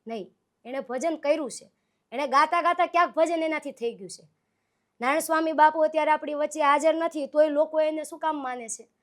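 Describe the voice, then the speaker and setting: A woman, talking as a guest singer in a relaxed interview. Her voice sits high, and her manner is sincere and heartfelt as she tells her stories. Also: brisk. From Gujarat, Saurashtra. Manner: earnest, heartfelt, storytelling. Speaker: guest, devotional folk singer. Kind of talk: casual interview conversation.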